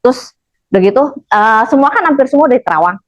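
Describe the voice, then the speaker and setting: A woman with a fairly high voice spins a casual story for a group of listeners. Her talk is loose with a tinge. She is blunt and lively, acting out quoted lines and laughing along. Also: quick pace, lo-fi sound. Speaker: storyteller addressing an audience.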